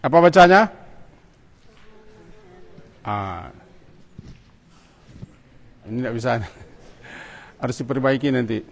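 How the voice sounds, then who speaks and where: In a mosque prayer hall thick with long reverb, a man teaches students the prayer hands-on, issuing short commands and gently coaxing them along. He speaks slowly and expressively in a mid-range voice with vocal fry and long pauses.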